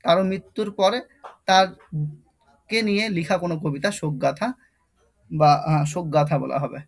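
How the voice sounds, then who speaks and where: A man's voice: a little high, moderate pace, gravelly. A young man with a Bengali accent teaching an online exam-prep English lesson, repeating key terms and quizzing his students.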